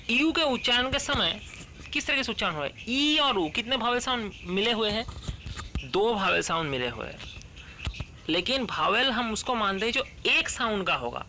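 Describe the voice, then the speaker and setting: A male English grammar teacher with a high-pitched, sharp voice slowly reads rules aloud, then explains them. He often puts a question to the class and answers it himself, and there is slight background noise.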